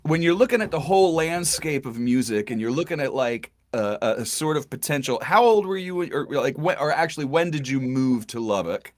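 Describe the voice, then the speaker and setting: A man with a middle-pitched voice hosts a casual interview. He cracks wry jokes and reads out questions sent in by listeners. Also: animated, a little fast, hardly any pauses. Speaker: interview host.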